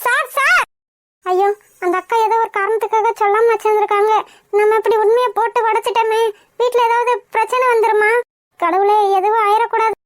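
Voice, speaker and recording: A woman's voice: extremely high pitch, little pitch movement, brisk, no echo, clean studio sound. A woman voicing an anxious young woman in a cartoon, fretting and reassuring. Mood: worried. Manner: fretful, anxious. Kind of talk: Tamil cartoon voice acting.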